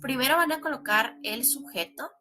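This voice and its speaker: A woman's voice: high voice, normal speed, bright, forceful tone, soft background music. A woman teaching English grammar in a recorded class. She explains step by step and often adds a questioning tag.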